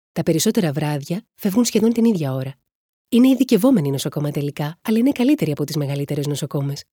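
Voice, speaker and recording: Female audiobook narrator, husky and low, steady delivery, dry recording. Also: no echo. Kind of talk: reading a novel aloud.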